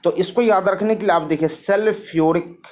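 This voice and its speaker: A man's voice: high voice, normal speed. A man teaching a lesson, explaining memory tricks and asking and answering his own questions.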